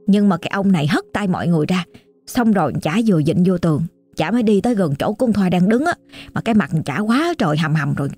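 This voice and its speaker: Southern Vietnamese woman storyteller, chatty and exclamatory, warm tone, faint music bed. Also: medium pitch. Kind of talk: casual oral storytelling.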